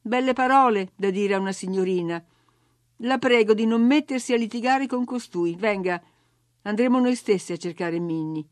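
A woman's voice: mid-range voice, moderate pace, no room sound, clean studio sound, lightly acted. A woman voicing a firm housekeeper who scolds and soothes a young girl, in a storybook reading. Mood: reproving. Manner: reproving, firm. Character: stern but kindly female housekeeper, scolding.

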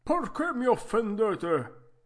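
A man voicing a hot-tempered old woodcarver in a storybook reading, loud and theatrical. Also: a little high, expressive, voice pushed up. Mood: indignant. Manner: loud, theatrical, quick to anger.

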